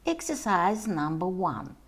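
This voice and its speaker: A woman reading a homework lesson aloud for young children, slowly and carefully, as their English teacher. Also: lowish voice, very animated.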